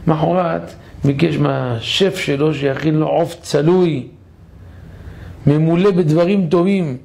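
Rabbi guy preaching in a synagogue, gravelly, kinda high voice. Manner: animated storyteller, gravelly. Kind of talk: sermon with storytelling.

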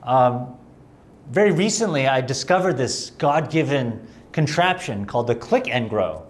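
Man, preacher, sermon, mid-pitched voice, animated emphasis, self-deprecating humor, conversational. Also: a little slow.

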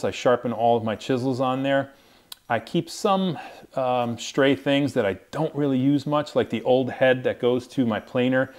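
A man in his forties giving a casual, rambling tour of his garage woodworking shop, with lots of fillers and restarts. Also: mid-range voice. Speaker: woodworking channel host. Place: two-car garage workshop.

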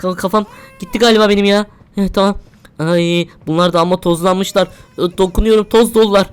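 A woman narrating her own horror game run in a mid-pitched, everyday voice. She chats to herself as she plays and keeps getting startled. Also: fairly even intonation, fast, clean tone. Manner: jumpy, talks to herself, easily frightened. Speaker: gamer. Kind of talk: horror game let's play commentary.

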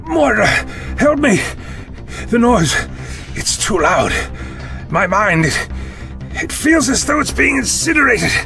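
A man's voice: very high-pitched, big pitch swings, takes it slowly, gravelly, pushed and bright, soft background music, heavily acted. A man playing an eccentric time traveller in a sci-fi audio drama, theatrical and polite in his wordy speech. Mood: pained, desperate. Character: eccentric male time-travelling Doctor, polite and stubbornly confident.

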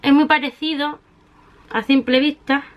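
Mujer española charlatana, voz aguda. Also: female voice, sits high, steady tone, unhurried, muffled recording. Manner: chatty, fond of diminutives, shows each item. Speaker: beauty vlogger. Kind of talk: makeup haul video.

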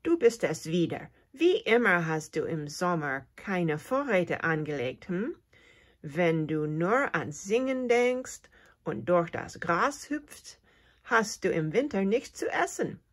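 A woman's voice: lowish voice, sing-song, slow, breathy edge, heavily acted. A woman voicing a caring mother mouse who grumbles and scolds but is kind at heart, in a storybook reading. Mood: grumpy. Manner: grumbling, then warm.

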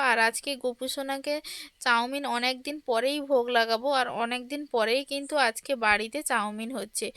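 A woman vlogging her household day in a gentle, chatty way, talking straight to her viewers while she works at home. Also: high voice, clean tone, dry recording. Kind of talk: casual devotional home vlog narration. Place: home kitchen.

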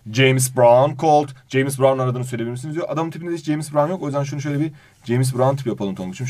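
A man's voice: mid-range voice, dry recording. A man teaching an exam review lesson, reading out English phrases and translating each one while fondly addressing his student. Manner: animated intonation.

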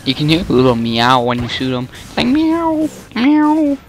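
A man's voice: mid-range voice, quick pace, fairly bright tone, soft background music. A young man giving casual, rambling commentary while playing a video game, often stopping mid-sentence to react. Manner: rambling, self-interrupting, easily exasperated. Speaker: gamer.

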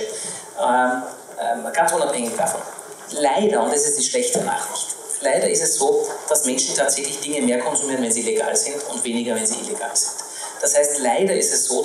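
An emphatic, fast-talking man in his forties, a physician from Iran, argues his point on a panel stage. The sound is roomy and echoing, picked up from some distance. A live audience is heard around him. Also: medium pitch. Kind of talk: public panel debate. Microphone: handheld mic. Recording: echoey room, mic heard from a distance, audience noise.

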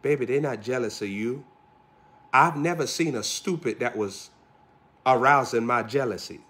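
A man's voice: medium pitch, moderate pace, a bit bright. A man a sermon, driving his points with rhythmic repeated phrases and pointed questions. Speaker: preacher.

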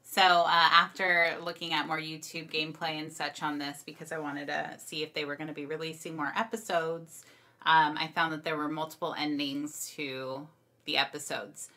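A woman hosting a relaxed gameplay session, chatty and teasing with her friend. Her voice sits fairly low, yet the tone is bright and forward. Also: normal speed. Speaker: channel host. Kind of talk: casual gameplay commentary.

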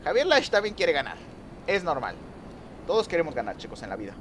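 A young man giving lively gameplay commentary, talking to viewers and teasing rivals. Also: a little high, a little fast, slight background noise. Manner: excitable, talks to viewers and rivals, trash-talks. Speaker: gaming youtuber.

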